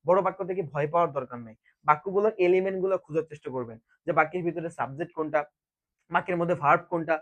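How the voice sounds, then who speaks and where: A man's voice: on the high side, no room sound. A man teaching a grammar lesson, often putting a question to the viewers and answering it himself. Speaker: English teacher. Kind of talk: classroom-style grammar lesson.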